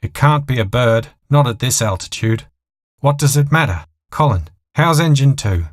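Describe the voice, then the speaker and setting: A man voicing a hot-tempered, foul-mouthed, frantic male airline pilot in an audio thriller story, exasperated and shouting. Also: mid-range voice, expressive, moderate pace, dry recording, clean studio sound, voice pushed up, lightly acted. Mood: tense.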